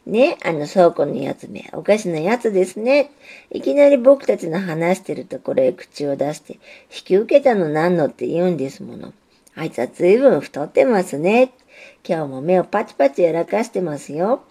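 A woman's voice: on the low side, lively intonation, moderate pace, mellow, slightly rough. A woman voicing an earnest, lovesick young male railway signal in a storybook reading, pleading and eager. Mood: confiding. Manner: pleading, eager, repeats himself.

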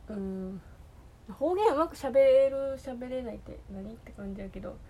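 This podcast host from Osaka speaks with a Kansai accent in a slightly high, dark-toned voice, lively in intonation and moderate in pace. Chatting solo and casually, she rambles hesitantly, filling gaps with fillers and restarting her sentences.

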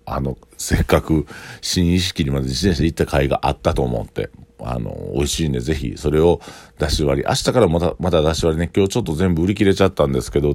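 A man's voice: extremely low pitch, vocal fry, darkish tone, no echo. A man with an Osaka Kansai accent hosting a casual solo podcast, rambling conversationally with a mouthguard in, which slightly muffles his articulation. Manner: rambling, conversational, thinking aloud. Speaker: podcast host who runs bars and eateries.

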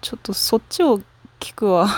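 A woman's voice: medium pitch, lively intonation, unhurried, no echo. A woman musing aloud in a casual solo talk, rambling and frank, stopping often to correct herself and trailing off into fillers. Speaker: solo talk show host. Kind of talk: casual solo fan chat. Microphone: smartphone app recording.

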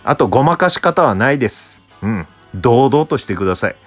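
A young man from Hokkaido hosting a solo podcast, rambling casually and answering himself with soft filler sounds. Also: medium pitch, expressive, a little fast, faint music behind. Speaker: podcast host.

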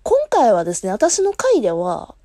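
A woman with a Kansai accent hosts a casual solo talk show into her phone. Her voice sits a little high and warm, swinging freely up and down as she teases and laughs. The sound is close and dry. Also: wildly swooping pitch, normal speed, dry recording. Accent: Kansai Japanese. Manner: chatty, teasing, laughs often. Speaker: podcast host. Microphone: phone app.

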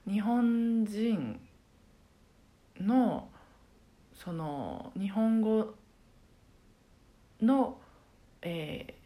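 A woman who teaches karaoke, talking alone on her podcast in a casual, thoughtful way, pausing often with soft fillers. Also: medium pitch. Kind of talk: casual solo podcast talk.

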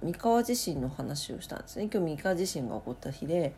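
A woman hosting her own late-night talk show from home, rambling and thinking aloud with many pauses. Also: sits low, very animated, warm tone, slight background noise. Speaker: podcast host. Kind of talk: casual late-night solo chat.

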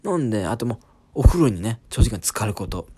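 A man voicing a kind middle-aged male doctor who speaks halting, broken Japanese and sounds reassuring. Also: on the low side, big pitch swings, dark tone, slightly rough, no echo.

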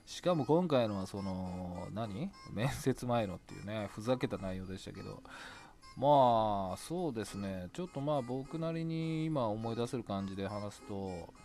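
Gravelly man chatting over soft music. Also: on the low side, lively intonation, moderate pace. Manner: chatty, rambling, laughs to himself. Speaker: podcast host. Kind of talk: solo talk radio looking back.

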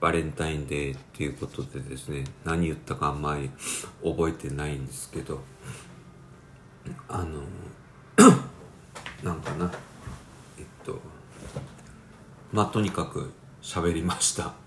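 A man's voice: extremely low pitch, unhurried, pauses often. A man with a stuffy nose from a cold, rambling in a casual solo talk with many fillers. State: congested, nasal from a cold. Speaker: podcast host. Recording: roomy with faint background noise.

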